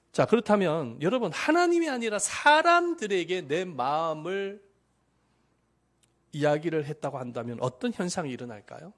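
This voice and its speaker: A man preaching a sermon as pastor, often asking the congregation questions and acting out quoted speakers. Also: a little high. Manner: lively, asks the congregation questions.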